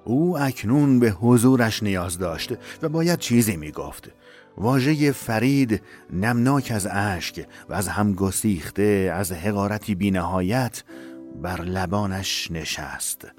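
Low-voiced man narrating a dramatic story. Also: lively intonation, a little mellow, soft background music. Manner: measured, emotive storytelling.

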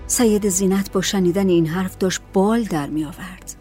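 A woman narrating a story in a calm, measured audiobook reading. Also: mid-range voice, soft background music.

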